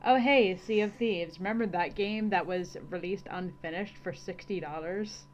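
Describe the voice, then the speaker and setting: A woman co-hosting a podcast in casual chat, animated and laughing often. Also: lowish voice, normal speed, a little hiss or hum. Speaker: podcast co-host. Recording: dull lo-fi recording.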